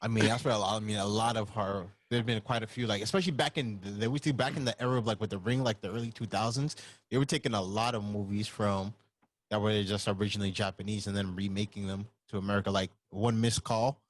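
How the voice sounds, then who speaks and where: A man's voice: lowish voice, fairly even intonation, fast. A man co-hosting a casual podcast, emphatic and jokey, repeating points for effect. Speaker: podcast co-host.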